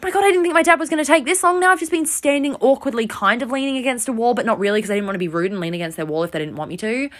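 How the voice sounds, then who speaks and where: A young woman hosting a podcast, telling a rambling, self-deprecating story in a casual, animated way. She sounds overtired. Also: on the high side, very fast, hardly any pauses. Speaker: podcast host.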